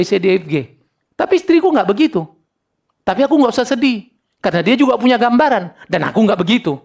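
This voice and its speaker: A man delivers a lively sermon in a high, gravelly voice that leaps up and drops low as he makes his points. He drops English words into his preaching and acts out voices of churchgoers to drive lessons home. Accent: Indonesian. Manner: animated preaching, mixing English words, acting out congregants. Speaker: pastor.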